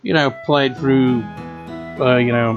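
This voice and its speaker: A man's voice: mid-range voice, steady tone, slow pace, muffled recording. A man giving casual, rambling video game commentary in a wry, unenthusiastic manner. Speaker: gameplay video host. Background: game music.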